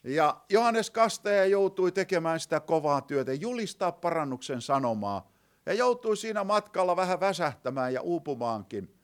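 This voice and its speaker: A man preaching a sermon to a live congregation, asking them rhetorical questions and slowing down to read scripture quotes, swinging from loud declaiming to hushed low passages. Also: very animated, clear, resonant tone.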